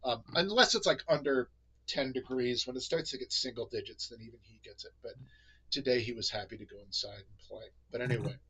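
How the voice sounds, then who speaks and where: A man's voice: medium pitch, brisk, sharp tone, breathy edge, poor audio. A man from New England hosting a casual chat, rambling with many fillers and restarts. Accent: New England American. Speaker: podcast host.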